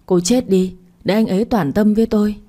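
A woman's voice: mid-range voice, brisk, warm tone, lightly acted. A woman voicing a cruel young female model who pleads in panic. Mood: terrified, pleading.

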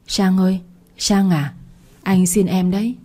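A woman's voice: medium pitch, fairly even intonation, unhurried, mellow, lightly acted. A woman voicing a remorseful young man who pleads and apologizes to his ex. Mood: pleading. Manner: begging, apologetic.

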